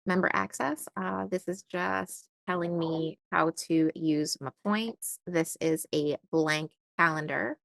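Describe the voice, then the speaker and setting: A woman's voice: lowish voice, fairly even intonation, takes it slowly, vocal fry, few pauses, a bit bright, no echo. A young woman chatting casually while unboxing stationery and thinking aloud with lots of fillers. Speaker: stationery vlogger.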